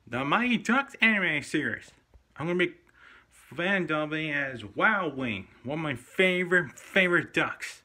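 A man with a fairly high, bright voice gives a casual YouTube intro. He talks haltingly and repeats words, with lively swings in pitch. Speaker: YouTuber introducing a fan dub.

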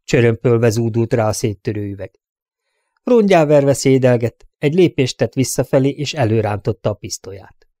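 A man's voice: mid-range voice, expressive, warm tone, no echo. Man narrating an audiobook, dry.

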